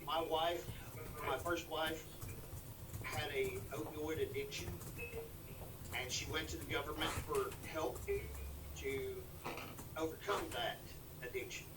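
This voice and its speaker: Brief: man, candidate on a bad connection, voice dropping in and out, distant and echoey, noisy line. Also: fairly high pitch. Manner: halting, earnest, plain-spoken. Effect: bad internet connection, voice cutting in and out. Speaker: congressional candidate. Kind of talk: debate opening statement. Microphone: video call.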